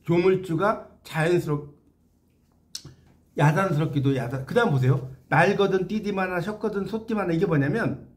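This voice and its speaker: A man's voice: sits high, moderate pace. A man giving a classroom lecture on classical poetry, explaining it line by line and often putting questions to his listeners. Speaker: literature lecturer.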